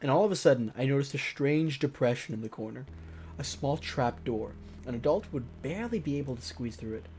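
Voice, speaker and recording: This let's play host narrates a visual novel in a theatrical style, interrupting himself with jokey exclamations. His mid-range voice is expressive, a little fast, and slightly mellow, with obvious background noise in the home recording.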